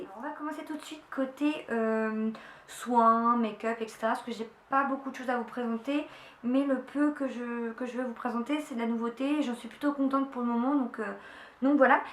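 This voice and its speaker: A woman's voice: fairly high pitch, a little hiss or hum. A young woman chatting casually through a beauty haul, enthusiastic and full of fillers and restarts. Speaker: beauty vlogger. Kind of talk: casual haul video chat. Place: room at home. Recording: echoey room, faint ambience.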